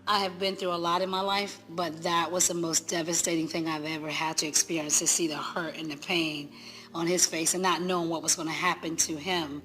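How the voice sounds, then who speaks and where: Middle-aged mother, low emotional voice. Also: level tone, fairly bright tone. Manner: emotional, rushed, retelling events. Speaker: interviewee, subject's mother. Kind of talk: documentary interview.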